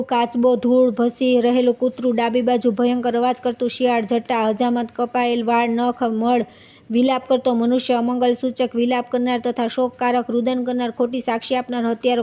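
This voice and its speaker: Woman, devotional scripture reader; steady, level recitation, mellow tone, occasional slips. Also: fairly high pitch.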